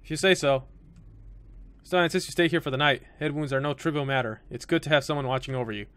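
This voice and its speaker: A man's voice: a little high, fast talker, a bit bright, clear, resonant tone, close to an everyday voice. A man reading the lines of a kindly, caring neighbor woman in a game, polite and insistent. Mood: concerned.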